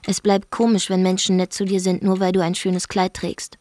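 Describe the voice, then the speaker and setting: A woman's voice: medium pitch, completely flat delivery, normal speed, darkish tone, no room sound, close to an everyday voice. An actress narrating a radio drama monologue as a brash, defiant young woman from Zeeland, with a dry, wry storytelling manner. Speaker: first-person narrator.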